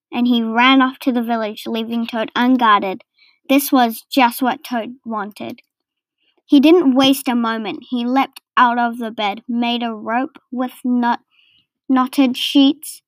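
A woman reading a children's storybook aloud, slow and careful. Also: fairly high pitch, fairly even intonation, no echo. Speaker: narrator.

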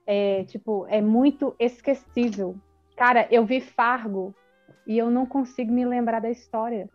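A woman's voice: on the high side, fairly even intonation, measured pace, muffled recording, faint music behind. A Brazilian woman in a casual film debate, talking emphatically and swearing freely. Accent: Brazilian Portuguese.

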